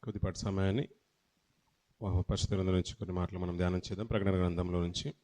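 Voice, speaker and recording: Man, pastor, sermon, slow loud scripture reading, conversational preaching, restarts words. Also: low-pitched, steady tone. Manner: reads scripture slowly and loudly, then preaches conversationally; addresses listeners as children, restarts words.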